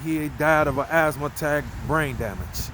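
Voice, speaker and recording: Man, slightly high voice, rambling storytelling, outdoors at night, faint traffic behind. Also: moderate pace, a bit bright. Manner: rambling, conversational, repeats himself. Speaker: vlogger. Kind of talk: casual spoken storytelling.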